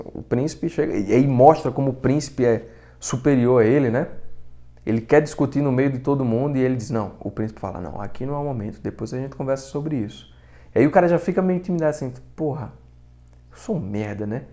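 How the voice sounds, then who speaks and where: A man's voice: mid-range voice, mellow. A man with a Brazilian accent, hosting a literature podcast, casually retelling a novel's plot in colloquial speech with some swearing. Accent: Brazilian Portuguese. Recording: dull, muffled lo-fi recording.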